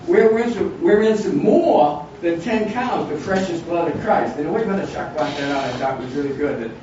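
Older man in his sixties, Bible study leader, rambling delivery, slightly high voice, recorded from far off in a very echoey room. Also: expressive, moderate pace. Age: 60s. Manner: rambling, with frequent restarts and asides. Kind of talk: informal Bible study talk. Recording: distant, dull, noisy room recording.

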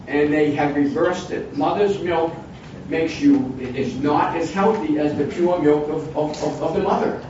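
A man's voice: fairly high pitch, a little slow, hardly any pauses, a little mellow, very echoey. A man in his sixties leading an informal Bible study, rambling with many restarts and asides. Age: 60s. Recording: distant, dull, noisy room recording.

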